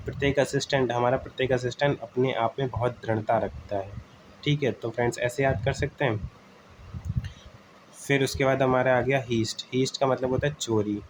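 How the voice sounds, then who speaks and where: A man's voice: medium pitch, slight background noise, poor audio. A man teaching exam vocabulary in a casual lesson, explaining memory tricks, calling listeners friends and checking in often with "okay". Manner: explains words with memory tricks, repeats "theek hai" often; addresses listeners as "friends", frequent "uh" pauses. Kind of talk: informal exam-prep lesson.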